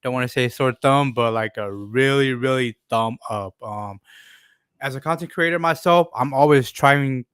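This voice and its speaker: A man hosts a casual livestream in a halting, filler-heavy way. His voice is smooth and resonant, at an ordinary pitch. The sound is dry and close. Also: a bit bright, no room sound. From Alaska. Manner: halting, many fillers and restarts. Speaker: livestream host.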